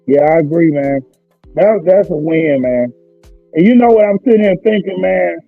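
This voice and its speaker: A man calls in to a sports podcast to criticize the team's coaching staff in a measured, deliberate way. His high voice comes through a dry, narrow, phone-like line with faint music behind it. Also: expressive, creaky, no room sound. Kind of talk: casual sports podcast chat.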